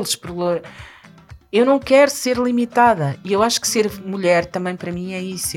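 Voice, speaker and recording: A woman from Portugal, talking animatedly as a guest in a conversation, often restarting and laughing. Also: on the low side. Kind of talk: conversational discussion.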